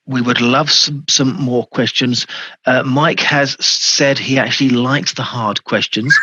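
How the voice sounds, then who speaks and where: A man's voice: medium pitch, steady tone, a little slow, pushed and bright, lo-fi sound, a little hiss or hum. A man co-hosting an online meetup over a video call, joking and laughing often. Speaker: meetup organiser, co-host. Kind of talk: casual chat.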